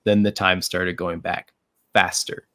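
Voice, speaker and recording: A man narrating a fan story read-through in an even reading manner, with occasional slips. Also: low voice, measured pace, dry recording, clean studio sound.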